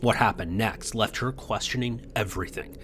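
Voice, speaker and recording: A man reading scripted documentary narration in a measured, suspenseful tone. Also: fairly low pitch, fairly bright tone, slight background noise.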